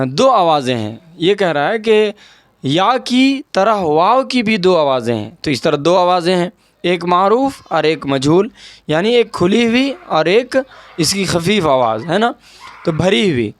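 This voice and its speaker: A man's voice: high-pitched, animated. A man teaching an Urdu grammar lesson. He explains patiently, repeats key words and checks in with the listener. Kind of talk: explaining a lesson over an on-screen document.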